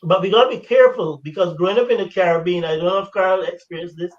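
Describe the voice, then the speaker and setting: A man from Barbados with a Barbadian accent, telling lively stories in a casual panel discussion. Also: high voice, fast talker, dull audio. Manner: animated storyteller, acts out quotes. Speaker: panel guest.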